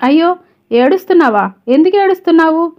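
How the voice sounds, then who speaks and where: A woman storyteller voicing a kind, caring young male coworker who speaks softly and gently, on a slightly dull lo-fi recording. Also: extremely high pitch, expressive, fairly quick, voice pushed up. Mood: gentle. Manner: gentle, soft-spoken.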